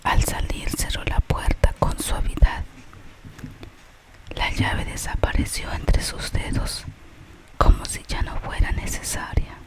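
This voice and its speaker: Slow, whispered ASMR storyteller. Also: low-quality recording. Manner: whispers throughout, slow and unhurried. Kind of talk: whispered ASMR storytelling of a gentle tale with a moral.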